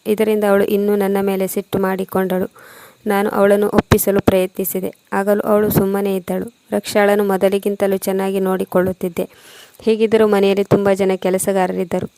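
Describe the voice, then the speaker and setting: Brief: woman storyteller, flat scripted narration, dark gravelly tone, dry close sound. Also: medium pitch, no echo.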